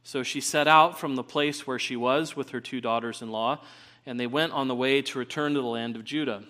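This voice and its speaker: A man preaching a sermon at a pulpit microphone in a church, praying and reading scripture in an earnest, measured way with frequent "uh" fillers. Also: mid-range voice, fairly even intonation, fairly bright tone. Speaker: pastor. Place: church sanctuary.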